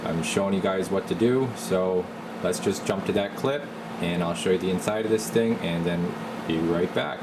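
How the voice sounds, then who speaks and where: Deep-voiced and moderately paced, a man talks over background noise while demonstrating a repair. He's a radio repair technician who hosts videos, and his casual how-to guidance is informal and wandering.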